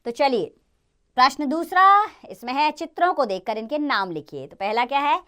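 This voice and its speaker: A woman teaching young children, her voice smooth, clear and a little high. She moves slowly through the lesson with a lively, rising and falling pitch, encouraging the young learners.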